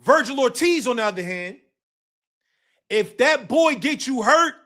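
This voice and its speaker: A man hosts a live boxing talk stream, speaking casually and emphatically, repeating his points, swearing, and breaking into shouts. His voice is very high and animated, delivered at a measured pace.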